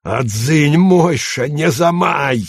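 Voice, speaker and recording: A man's voice: on the low side, slow pace, vocal fry, a little mellow, no room sound, clean studio sound, exaggerated voice. A man voicing a coarse, scornful, threatening grown man who mocks his listener. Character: menacing adult man, coarse, scornful villain.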